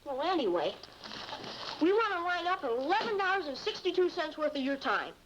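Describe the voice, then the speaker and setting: An actor playing an earnest, slangy American schoolboy who leads a kids' gang in a 1950s TV detective drama. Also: male voice, extremely high pitch, big pitch swings, moderate pace. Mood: businesslike. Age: child or young teen. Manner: earnest, slangy, polite boyish. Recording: muffled vintage TV soundtrack, faint noise.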